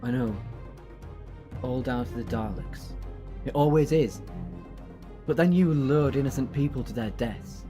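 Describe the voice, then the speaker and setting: A man's voice: mid-range voice, measured pace, long pauses, warm tone, natural voice. Man playing a theatrical time-travelling adventurer over music. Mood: grave, firm. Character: the Doctor, a glib, righteous time-travelling male adventurer. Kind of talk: audio drama acting.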